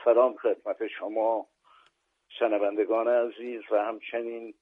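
A man in his seventies from Iran, a guest poet calling in, courteous and formal, reciting verses in a measured way. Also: on the low side, little pitch movement. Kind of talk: phone-in chat and poetry recital. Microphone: telephone. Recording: phone line.

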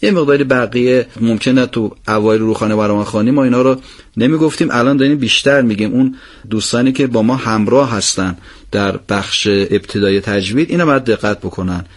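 A man leads a recorded recitation lesson in a mid-pitched voice. He explains each pronunciation rule, puts questions to his students and answers them himself. Then he reads the example phrases slowly. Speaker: Quran recitation teacher.

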